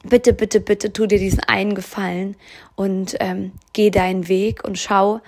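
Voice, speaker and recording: A woman hosts a motivational podcast, talking straight to the listener. Her voice sits in a middle register with a gravelly, creaky edge. Her manner is earnest and encouraging, like a coach. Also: mid-range voice, little pitch movement, unhurried, a little mellow.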